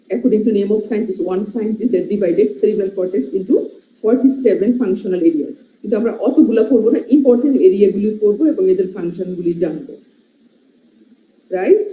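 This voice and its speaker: Female medical lecturer with a Bangladeshi accent; slow, deliberate list-style delivery, muffled echoey classroom sound. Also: medium pitch, dark tone, a little hiss or hum. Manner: explains by listing terms and checking in with "right?". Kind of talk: classroom lecture mixing Bengali and English.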